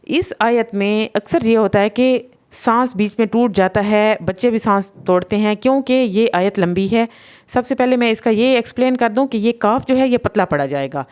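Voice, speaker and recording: A woman teaching Quran recitation in a patient, explanatory way, drawing out letter sounds slowly. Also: fairly high pitch, a little mellow, clean tone. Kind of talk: tajweed lesson.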